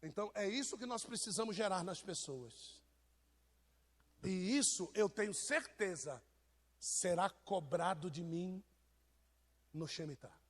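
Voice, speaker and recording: A man's voice: high-pitched, lively intonation, unhurried, long pauses. A man with a Brazilian accent, preaching an informal sermon and joking with members of his congregation. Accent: Brazilian Portuguese. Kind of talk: informal sermon to a live church.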